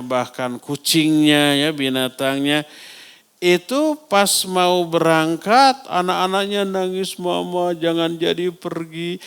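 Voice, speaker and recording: A man with a Sundanese accent giving a sermon in a mosque, lively and constantly asking the congregation questions and answering them himself. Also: on the high side, smooth. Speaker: Islamic preacher.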